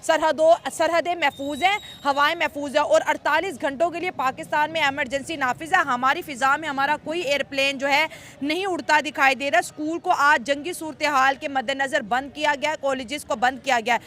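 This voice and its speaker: A woman's voice: high-pitched, steady tone, fairly quick, hardly any pauses, bright, forceful tone, a little hiss or hum. A woman host with a Pakistani Urdu accent, questioning a guest and speaking straight to viewers. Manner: questioning, addresses viewers directly. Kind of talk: street interview and commentary to viewers.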